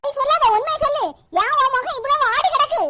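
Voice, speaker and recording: A woman voicing a nosy, talkative old village woman with a Kanyakumari Tamil accent in an animated cartoon, pressing with questions. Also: extremely high pitch, quick pace. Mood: prying. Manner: prying, insistent questioning.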